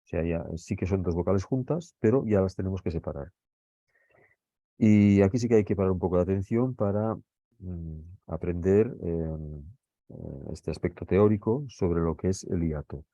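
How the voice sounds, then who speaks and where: A man from Spain teaches a grammar lesson in a low, warm voice, patient and methodical, often pausing to ask if his students follow. The recording is dry and dull, with a lo-fi quality. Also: dry recording. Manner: patient, explains step by step with frequent checks like "¿eh?" and "¿vale?".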